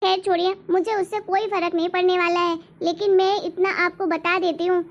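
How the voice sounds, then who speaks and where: A woman voicing a caring mother in a family story, soft-spoken and steady. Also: extremely high pitch, a little fast. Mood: firm. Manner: soft, soothing. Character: gentle loving mother of a young daughter. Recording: dull lo-fi recording.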